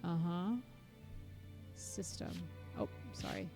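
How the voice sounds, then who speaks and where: Woman streamer in slow, wry chat. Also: lowish voice, big pitch swings, music in the background. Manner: chatty, wry running commentary with sudden exclamations. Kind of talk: casual gameplay chat.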